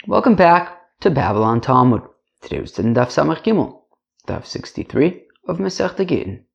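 A man's voice: fairly high pitch, big pitch swings, moderate pace, creaky, lo-fi sound. A man teaching an informal religious lesson to a class, chatty, repeating phrases and checking in with rhetorical questions. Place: indoors.

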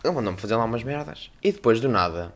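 A young man with a European Portuguese accent, a podcast host telling a story in casual chat and acting out other voices with sudden loud bursts. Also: mid-range voice, lively intonation, fast.

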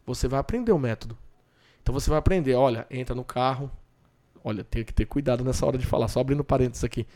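A man's voice: mid-range voice, quick pace, warm tone. Chatty man explaining dog training. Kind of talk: instructional talk.

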